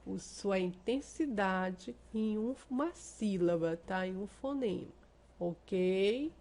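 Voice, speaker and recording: Gravelly-voiced Brazilian woman teaching a class. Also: mid-range voice, expressive, darkish tone. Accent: Brazilian Portuguese. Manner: explains step by step, often checking in with "tá?"; stretches out example words slowly for emphasis. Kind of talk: remote class lesson.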